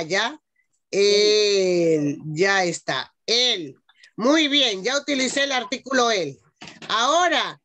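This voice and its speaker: Bright and pushed, on the high side, the voice belongs to a woman primary school teacher running an online class for young children. She dictates patiently over a video call, sounding words out one syllable at a time.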